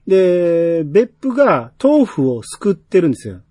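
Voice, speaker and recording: Animated Kansai man chatting, husky voice. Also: high-pitched, unhurried, no echo, studio quality. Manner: chatty, animated storytelling with acted-out quotes. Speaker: podcast co-host. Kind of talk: casual chat reviewing a TV drama.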